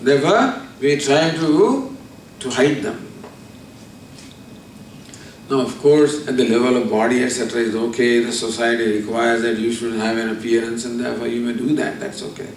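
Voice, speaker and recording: A man, a spiritual teacher giving a deliberate scripture lecture with everyday examples. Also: mid-range voice, slight background noise. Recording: roomy, distant mic.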